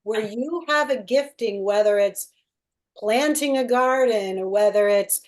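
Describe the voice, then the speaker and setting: A woman's voice: medium pitch, measured pace. A woman leading a casual group chat, playful and teasing, who laughs a lot. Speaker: discussion leader.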